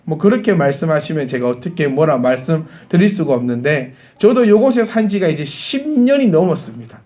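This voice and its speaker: A man's voice: a little high, brisk. A man, a pastor with a Gyeongsang accent, preaching a Sunday sermon to his congregation, building to emphatic peaks and joking along the way. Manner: animated, rising to emphatic peaks, laughs with the congregation. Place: church sanctuary.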